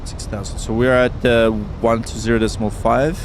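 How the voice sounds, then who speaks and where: A man's voice: little pitch movement, normal speed. A man giving chatty, casual live-stream commentary as a flight simulator pilot, thinking aloud. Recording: noisy, constant cockpit rumble. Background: aircraft cockpit rumble.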